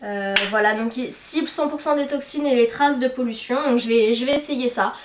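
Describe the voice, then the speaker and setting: A young woman with a slightly high voice chats about beauty buys, filling her sentences with hesitant fillers. She is recorded from a little way off the mic, and the room adds a clear echo. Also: fairly quick, recorded from a distance, background noise. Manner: chatty, many hesitant fillers. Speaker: beauty vlogger. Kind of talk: casual haul chat to camera.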